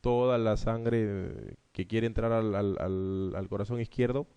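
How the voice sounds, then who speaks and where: A man with a Peruvian Spanish accent teaching an exam review class. His voice sits low and dark, and he works through each question patiently, often closing a point with a quick "¿no?". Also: fairly even intonation, clean tone. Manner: explanatory, frequent rhetorical "¿no?" tags. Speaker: medical lecturer.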